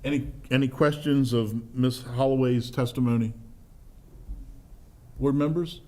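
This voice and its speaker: A man's voice: medium pitch, fairly even intonation, a little slow, warm tone. Polite man chairing a hearing. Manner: procedural, polite, apologetic. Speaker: board chair running a hearing. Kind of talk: chairing a public meeting.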